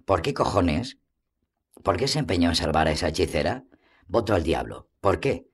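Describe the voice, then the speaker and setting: An excitable young bard frets aloud with agitated, pleading questions, put on by a man reading a storybook. The voice sits low and dark beneath the agitation. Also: moderate pace.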